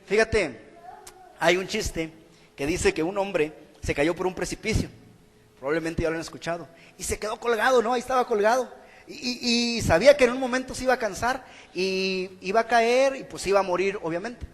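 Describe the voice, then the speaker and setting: A man's voice: sits high, a little fast, big-room sound. A man preaching a sermon in church, earnest and exhorting. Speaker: pastor. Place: church hall.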